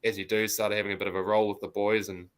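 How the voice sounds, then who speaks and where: A man with a New Zealand accent in casual chat, telling a story hesitantly with pauses between phrases. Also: on the low side, level tone.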